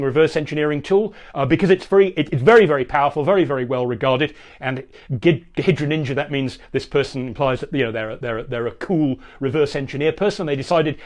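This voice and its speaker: A man hosting a tech security talk, explaining in a chatty, rambling way with frequent restarts. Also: medium pitch. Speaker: host.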